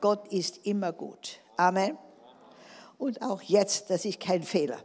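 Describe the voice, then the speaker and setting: With a long hall reverb behind her, a woman preaches emphatically and keeps asking the congregation for amens. She takes her time, and her mid-range voice is a little mellow and slightly rough.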